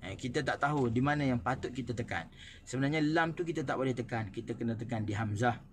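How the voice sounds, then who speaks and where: A man with a Malaysian Malay accent teaching Quran recitation. He explains in short phrases and then recites the examples slowly. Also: mid-range voice, slight background noise.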